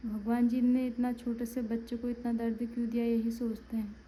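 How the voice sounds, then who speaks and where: A woman's voice: fairly high pitch, flat delivery, moderate pace, warm tone, a little hiss or hum, poor audio. A woman with a Pahadi accent chatting to viewers in a casual home vlog, turning to coo at a baby. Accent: Pahadi Hindi. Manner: talks to viewers, then coos to a baby. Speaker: family vlogger. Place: home, indoors.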